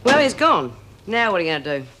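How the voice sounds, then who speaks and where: A woman's voice: mid-range voice, big pitch swings, quick pace, background noise, lightly acted. An actress playing a blunt, combative woman prisoner with an Australian accent in a television prison drama. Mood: defiant. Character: defiant, hard-talking woman prisoner leading a protest.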